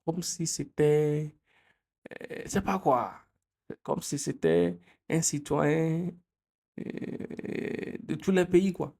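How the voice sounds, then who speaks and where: A man's voice: a little high, lively intonation, extremely slow, warm tone. A man from Benin, giving an impassioned political commentary full of repeated phrases and rhetorical questions. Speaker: video commentator.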